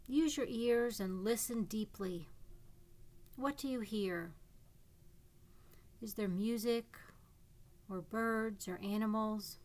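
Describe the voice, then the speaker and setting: A woman narrating a guided imagery meditation in a calm, soothing way, leaving long pauses between gentle instructions. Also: a little high. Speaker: psychotherapist guiding a meditation.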